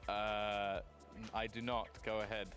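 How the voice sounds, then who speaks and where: A man casting esports, riffing in relaxed, self-deprecating banter at a studio desk. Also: fairly low pitch, takes it slowly, soft background music. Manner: laid-back, self-deprecating, chuckling. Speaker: esports caster.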